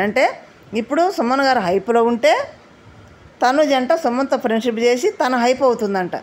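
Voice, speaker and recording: Woman, pretty high voice, chatty show review, keeps asking for comments. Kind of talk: casual opinion commentary.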